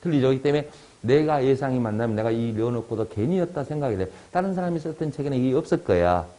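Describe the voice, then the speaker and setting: A man's voice: mid-range voice, lively intonation, fast, warm tone. A middle-aged man giving an exam-prep lecture, digressing into chatty stories and anecdotes.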